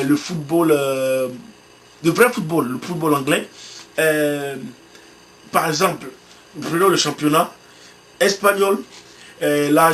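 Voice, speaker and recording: Man preaching, tells it like a lively story, bit of faint noise behind. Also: fairly high pitch. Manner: animated storytelling, acts out his own excitement. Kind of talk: sermon illustration told as a story.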